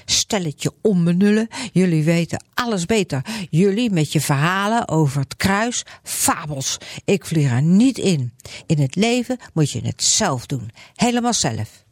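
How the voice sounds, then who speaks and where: Woman putting on a high, self-pitying stubborn woman, storybook character. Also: lively intonation, unhurried, no echo, clean studio sound. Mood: scornful. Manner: complaining, whining and defiant.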